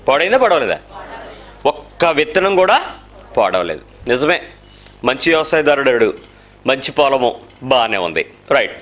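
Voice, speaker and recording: A man preaching a lively sermon in church, firing rhetorical questions at his listeners and slipping English phrases into his speech. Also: on the high side. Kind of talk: sermon to a congregation.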